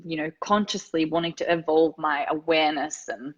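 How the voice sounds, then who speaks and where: Speaking at normal speed in a deep, steady voice, a Finnish woman in her thirties shares her personal story on a podcast. She is earnest and repeats words as she gathers her thoughts, heard through dull lo-fi remote-call audio.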